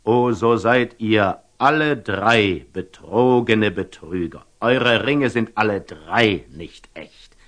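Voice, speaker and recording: An actor playing a wise, calm merchant and eloquent storyteller in a classical radio drama, speaking with rhetorical, deliberate emphasis. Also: male voice, on the low side. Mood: solemn, admonishing. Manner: rhetorical, deliberate, with emphatic rises and hushed drops.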